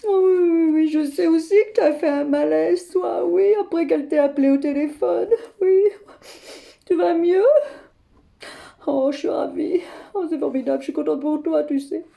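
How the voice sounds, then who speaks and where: A woman's voice: high-pitched, moderate pace, vocal fry, warm tone. A woman playing an exasperated older grandmother in a one-sided phone call sketch, ranting dramatically and tagging nearly every phrase with "hein". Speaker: comic monologue performer.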